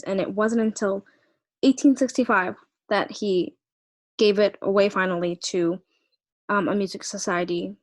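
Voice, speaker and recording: A young woman gives a research presentation to her class. She talks in a hesitant, searching way, full of fillers and restarts, and trips over a few hard words. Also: medium pitch. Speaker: student presenter.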